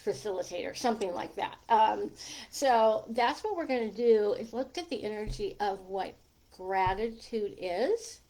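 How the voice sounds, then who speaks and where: A woman's voice: medium pitch, darkish tone. A middle-aged or older woman with a lisp and whistling s, chatting casually and informally to viewers as a coach hosting a livestream, with rambling asides. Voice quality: lisp with whistling, slushy s from a gap in her teeth.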